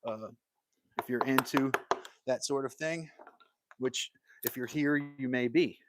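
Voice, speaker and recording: Unhurried and mid-range, an American man's voice carries his casual workshop livestream about woodworking. He rambles easily and takes questions from viewer comments.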